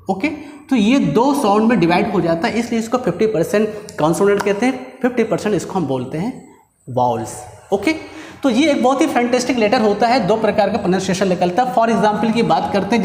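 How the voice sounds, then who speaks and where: Man teaching in an echoey hall. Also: high-pitched. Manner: explains step by step, often checks in with "okay"; drills letters slowly and invites the class to repeat. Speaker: English teacher. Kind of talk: spoken English lesson. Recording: echoey room with long reverb.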